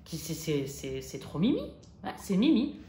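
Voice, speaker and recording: Casting note: French woman haul vlogger, bouncy pitch, chatty, roomy sound. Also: moderate pace. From France. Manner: chatty, excitable, joking asides. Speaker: vlogger showing a shopping haul. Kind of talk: casual chat to camera. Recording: echoey room with faint noise.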